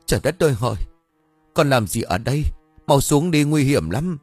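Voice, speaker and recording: A man's voice: animated, moderate pace, a little mellow, no room sound, faint music behind, close to an everyday voice. A man voicing a frantic grieving mother. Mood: frantic wailing. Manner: shrill, panicked cries.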